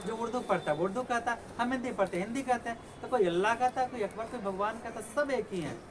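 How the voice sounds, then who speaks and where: A man's voice: very high-pitched, fast talker. A male teacher giving a classroom lecture, explaining the lesson, asking students rhetorical questions and reciting verses. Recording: noisy classroom recording.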